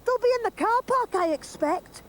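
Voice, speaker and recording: A woman's voice: very high-pitched, expressive, moderate pace, noisy background. A woman voicing an eager, caring young male teddy bear in an earnest, childlike way for a children's educational drama. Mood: reassuring, earnest. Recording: music behind the voice.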